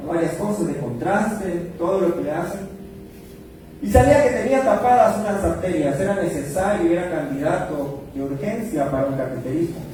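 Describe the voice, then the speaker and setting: A man's voice: sits high, normal speed, noisy background. A man, a pastor telling a personal testimony in a sermon, recorded from a distance in a church hall with music behind. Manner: storytelling, animated when acting out quotes.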